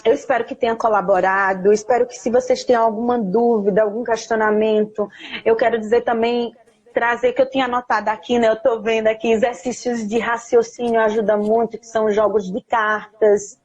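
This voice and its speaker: Husky, slightly high woman, earnest live-call guest, muffled lo-fi stream audio. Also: flat delivery, darkish tone. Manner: earnest, encouraging, quotes scripture slowly. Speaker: invited guest speaker. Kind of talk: casual live chat with teaching tips. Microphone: phone or laptop on a live video call.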